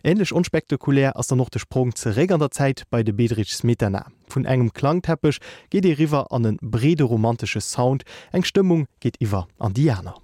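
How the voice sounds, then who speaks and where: A man reading a scripted music review for radio in a measured way. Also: mid-range voice, animated, warm tone, no room sound, clean studio sound. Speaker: music critic.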